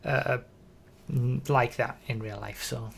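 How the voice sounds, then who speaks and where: Man musing softly on a podcast. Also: mid-range voice, fairly even intonation, measured pace, vocal fry, crowd noise. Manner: musing, repetitive, trails off softly. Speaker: podcast co-host. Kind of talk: casual chat.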